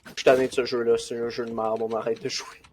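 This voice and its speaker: A man's voice: mid-range voice, flat delivery, fast talker, darkish tone, a little hiss or hum. A young man with a Quebec French accent chatting and joking casually while streaming a game. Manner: joking, teasing banter. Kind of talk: casual gaming chat.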